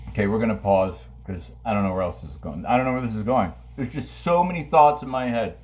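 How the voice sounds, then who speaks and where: A man talking playfully to camera in his kitchen, theatrical, swinging from booming outbursts to low asides while he cuts an onion. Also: lively intonation, fast talker, darkish tone. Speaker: vlogger. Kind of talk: casual talk to camera. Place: home kitchen.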